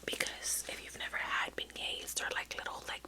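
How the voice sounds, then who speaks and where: A middle-aged woman whispering a rambling, hesitant ASMR story close to the mic while chewing gum. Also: moderate pace. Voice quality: soft unvoiced whisper. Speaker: ASMR vlogger.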